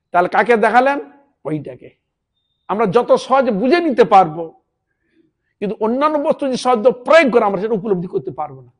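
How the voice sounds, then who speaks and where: High-voiced man giving a devotional sermon. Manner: keeps checking in with listeners through rhetorical questions; drops into a lower, softer voice at the ends of points. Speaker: Vaishnava monk preacher.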